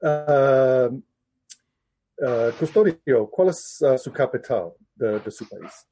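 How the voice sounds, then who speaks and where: A man from the United States, a student in an online language class, speaking hesitantly with halting fillers between words over a video call. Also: mid-range voice, animated, mellow.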